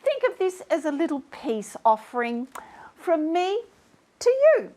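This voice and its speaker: An actress playing a vain, self-absorbed talk-show host in a comedy sketch, talking in a theatrical, self-pitying way. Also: female voice, high voice, very animated, a little slow, warm tone. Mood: smug. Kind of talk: comic sketch acting.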